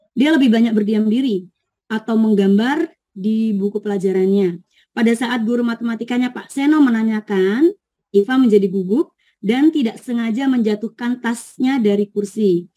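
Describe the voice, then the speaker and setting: A woman's voice: on the high side, dark tone. A woman presenting an online teacher training, explaining patiently and reading out participants' answers, in her speech.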